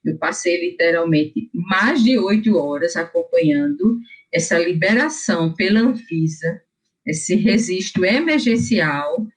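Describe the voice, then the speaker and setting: A woman's voice: fairly low pitch, animated, a little slow, husky. A middle-aged woman physician from Brazil giving an academic lecture, explaining at length with frequent fillers and self-corrections.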